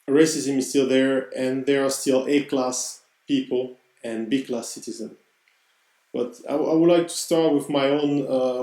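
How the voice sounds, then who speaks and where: Earnest man in his thirties, warm voice. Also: mid-range voice. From Cameroon. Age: 30s. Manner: earnest, reflective, searching for words. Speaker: podcast host. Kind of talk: personal podcast monologue. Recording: roomy, echoey room.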